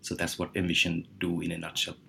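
A man's voice: deep voice, monotone, quick pace, vocal fry, pushed and bright, slight background noise. A man from Bangladesh, a company CEO, answering podcast interview questions hesitantly with many fillers and restarts. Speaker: startup CEO guest.

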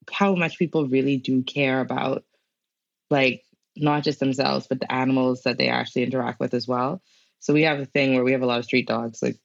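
Young Bahamian woman, interview guest, chatty and filler-heavy, gravelly voice. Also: rumbling low, no echo, muffled recording. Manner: chatty, many fillers like "like" and "you know". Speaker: guest climate scientist. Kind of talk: casual interview answers.

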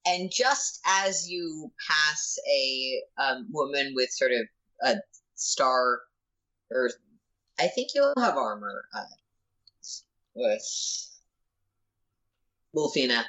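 A woman acting as game master, narrating a tabletop role-playing game in a halting, thinking-aloud way. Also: a bass voice, big pitch swings, fairly bright tone, low-quality recording.

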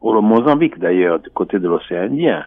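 A man commenting on finance and economics over a telephone line on a radio show, speaking in a measured, deliberate way with frequent hesitations. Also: fairly low pitch, lively intonation, slightly rough, no room sound. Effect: voice heard over a telephone line. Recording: muffled phone line, dry.

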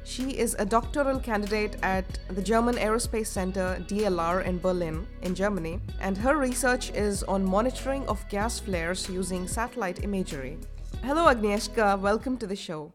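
A woman hosts a relaxed podcast conversation, asking her guest friendly and clear questions. Her voice sits at a middle pitch. Faint music plays behind her during the opening. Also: normal speed. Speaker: podcast host. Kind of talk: casual interview.

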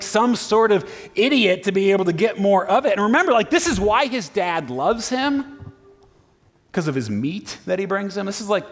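Lively high-voiced man preaching casually. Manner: casual, animated, many fillers and restarts. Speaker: pastor. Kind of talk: conversational sermon. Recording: reverberant hall.

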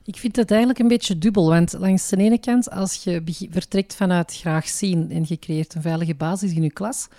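A woman's voice: fairly low pitch, normal speed, few pauses, warm tone, no echo, clean studio sound. A woman giving a thoughtful, somewhat hesitant view on a discussion panel.

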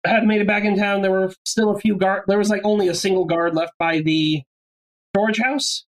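A woman with a medium-pitched voice runs a tabletop game. She narrates scenes casually in halting, reworked phrases and slips in jokes. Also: fairly even intonation, rough recording. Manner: halting, joking. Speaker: game master.

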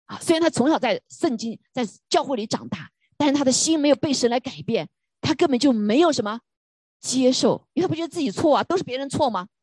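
Husky woman preaching a sermon, keeps asking rhetorical questions, dry sound. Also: high-pitched, expressive, fast talker, a little mellow, no room sound. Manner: emphatic storytelling with rhetorical questions.

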